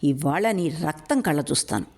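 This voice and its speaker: A woman's voice: low voice, expressive, moderate pace, vocal fry, a little mellow, breathy edge, exaggerated voice. A woman voicing a fierce, angry young man who roars his lines at a village council meeting. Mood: defiant. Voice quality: fierce, roaring delivery.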